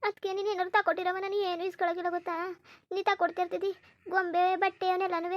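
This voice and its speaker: A woman's voice: very high voice, flat delivery, fast talker, dry recording, highs cut off. A woman voicing a young village woman in a cartoon, anxious and pleading, with a rural Kannada accent. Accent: rural Karnataka Kannada. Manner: pleading, worried, speaks of family fears. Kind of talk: cartoon voice acting.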